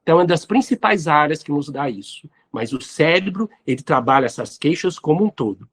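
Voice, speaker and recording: Man, host, explanatory talk, fairly high voice. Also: expressive, brisk, fairly bright tone, husky. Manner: didactic, addresses listeners directly. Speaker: host answering listener questions. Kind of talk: explanatory talk on neuroscience and spirituality.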